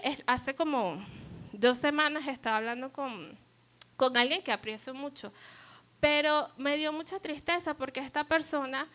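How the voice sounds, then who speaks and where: A woman's voice: sits high, fairly bright tone. A woman preaching a sermon at a church service, earnest and asking the congregation rhetorical questions.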